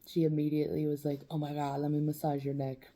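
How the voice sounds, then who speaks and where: A young woman talks loosely to her vlog camera. She rambles, swears and pokes fun at herself while her face aches. Her voice sits low and is soft and husky, with a dark, mellow tone. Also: monotone, fast. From New Mexico. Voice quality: swearing, rambling, self-mocking. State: in facial nerve pain. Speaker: vlogger. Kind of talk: casual talk to camera.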